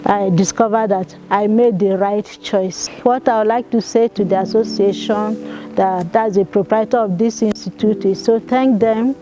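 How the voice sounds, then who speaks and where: A religious sister studying counseling, speaking earnestly in an interview testimony. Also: female voice, mid-range voice, fairly even intonation, moderate pace, dark tone, poor audio. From Nigeria.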